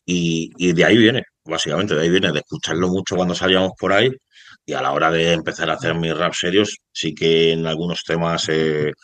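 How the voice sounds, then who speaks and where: Very deep-voiced Spanish rapper, relaxed. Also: male voice, fairly quick, dry recording. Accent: Spain Spanish. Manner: relaxed, rambling with colloquial slang and restarts. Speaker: rapper guest. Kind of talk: casual interview talk.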